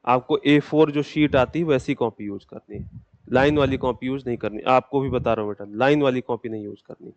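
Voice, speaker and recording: A man's voice: medium pitch, a little fast, highs cut off, a little hiss or hum. A man teaching a geography class, speaking patiently and in a fatherly way to students who have just joined. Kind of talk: classroom lecture.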